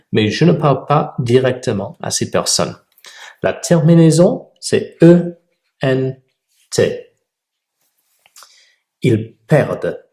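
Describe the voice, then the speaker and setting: A man teaching a French grammar lesson, slowly drilling verb forms and clearly articulating each one. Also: mid-range voice, darkish tone, echoey room. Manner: clearly articulated, repeats each form, emphatic rises on key words. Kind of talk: slow, deliberate grammar lesson with drilled examples.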